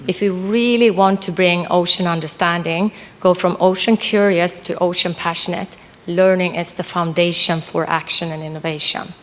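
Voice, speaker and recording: A woman's voice: fairly low pitch, fairly even intonation, normal speed, fairly bright tone. A woman from Sweden in the audience of a panel discussion, earnestly giving a long background before her question. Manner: earnest, explains at length before asking. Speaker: audience member asking a question. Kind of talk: panel Q&A, speaking from the floor. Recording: reverberant conference hall.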